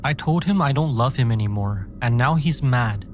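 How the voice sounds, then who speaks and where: A man's voice: mid-range voice, animated, moderate pace, background noise, natural voice. A man voicing a frightened little boy in a horror story, with timid, childlike delivery. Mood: tearful, scared. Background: background music.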